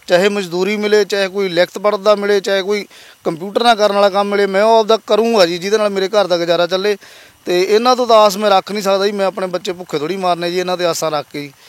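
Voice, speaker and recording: A man's voice: high-pitched, steady tone, quick pace, dry recording. A man from Punjab, a laborer and father, telling his story in an interview in an earnest, polite and emotional way.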